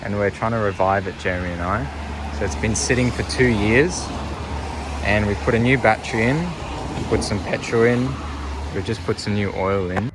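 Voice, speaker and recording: A man's voice: lowish voice, normal speed, background noise. A young Australian man hosting a vlog, chatting casually and slangily to camera and joking with his friends. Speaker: vlog host.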